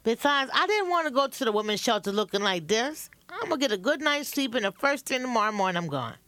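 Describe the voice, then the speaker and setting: A woman's voice: on the high side, very animated, quick pace, fairly bright tone, dry recording. A woman playing a downtrodden, battered woman in a radio comedy sketch, pleading and later defiant. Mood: tired. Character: battered woman who finally fights back.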